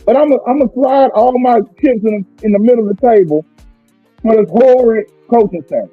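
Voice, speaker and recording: A man on a sports podcast, speaking deliberately and critically about the team's coaching staff. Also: very high voice, breathy edge, dry recording, faint music behind. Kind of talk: casual sports podcast chat. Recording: dry tinny phone-like line.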